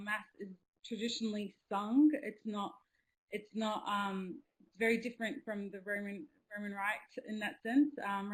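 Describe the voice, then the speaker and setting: A woman's voice: medium pitch, rough recording. A young woman from Australia speaking casually on a webinar video call, earnest and enthusiastic, with many ums and restarts. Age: young adult. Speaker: youth representative. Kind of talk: webinar talk. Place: indoors at home, small room.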